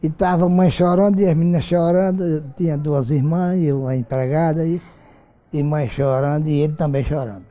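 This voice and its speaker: An older man, recounting events he witnessed, lively and acting out the voices in his tale. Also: on the high side, normal speed. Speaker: eyewitness interviewee. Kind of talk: storytelling recollection.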